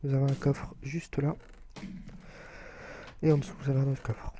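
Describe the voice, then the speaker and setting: A man's voice: medium pitch, little pitch movement, moderate pace, mellow, a little hiss or hum. A young man giving casual gameplay commentary, explaining step by step with frequent hesitation fillers. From France. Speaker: gaming video creator.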